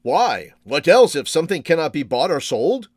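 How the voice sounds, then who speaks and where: A man's voice: a little high, big pitch swings, normal speed, dry recording, clean studio sound. A man voicing a beaming little old male toy maker, cheerful and coaxing, in a storybook reading. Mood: jolly.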